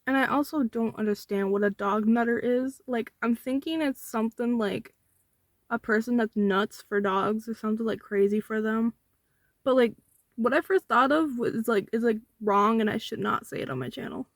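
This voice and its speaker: A woman's voice: a little high, moderate pace, no room sound. Indignant young woman, dry close sound. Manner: indignant, argumentative, counts off points. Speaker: vlogger with a service dog. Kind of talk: casual commentary replying to online comments.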